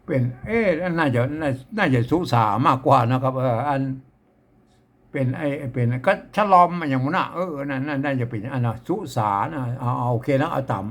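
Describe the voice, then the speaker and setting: A man with a Northern Thai accent teaching old verse writing, chanting lines and then explaining them in a relaxed way. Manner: switches between high sung chanting of verses and low relaxed explaining.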